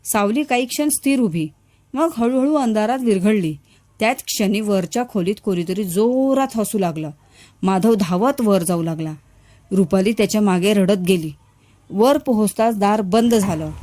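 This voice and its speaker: A woman storyteller narrating a suspenseful family ghost story in a measured, dramatic way. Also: medium pitch, darkish tone.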